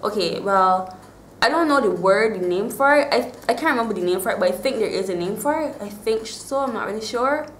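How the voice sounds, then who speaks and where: A Barbadian woman in her twenties vlogs casually to the camera in a Bajan accent, her mid-range voice lively, fairly quick, and fairly bright. She's in a small bare-walled room indoors, with roomy echo and faint background noise.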